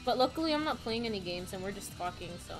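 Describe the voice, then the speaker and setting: A woman's voice: medium pitch, expressive, fast talker, poor audio. A young adult woman live streamer chatting casually in a rambling, self-deprecating, slangy way. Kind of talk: casual livestream chat. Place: indoors, solo at a computer on a voice call setup. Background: background music.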